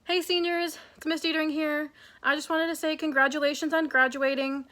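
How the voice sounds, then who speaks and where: A woman teacher offers chatty, cheerful congratulations to seniors. Her voice is high and bright. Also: level tone, fairly quick. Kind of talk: recorded graduation message.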